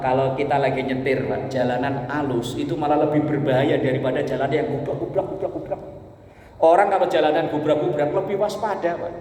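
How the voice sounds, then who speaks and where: Joking preacher in an echoey hall. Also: male voice, a little high, a little mellow. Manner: joking, storytelling, keeps addressing the men. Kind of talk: humorous religious talk. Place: prayer gathering hall. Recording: echoey hall with long reverb, faint noise.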